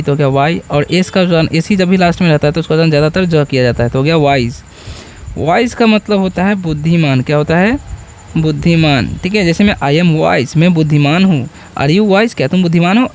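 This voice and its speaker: High-voiced man teaching English phonics. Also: a little fast, a little mellow. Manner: asks questions and answers them himself; spells words letter by letter. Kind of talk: beginner English lesson in Hindi.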